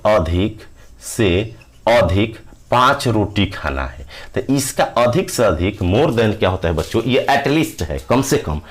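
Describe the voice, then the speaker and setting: A man teaching an exam-prep science lesson, his voice rising and falling with lively emphasis. He repeats the same phrases over and over and talks straight to his students, with simple everyday examples. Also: medium pitch.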